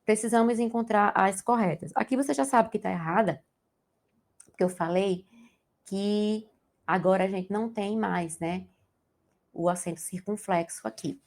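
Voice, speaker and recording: With a steady, medium-pitched voice at normal speed, this young Brazilian Portuguese teacher explains exam-prep grammar in her Brazilian accent. Her tone is darkish with vocal fry, and she keeps asking the class tag questions to check they follow.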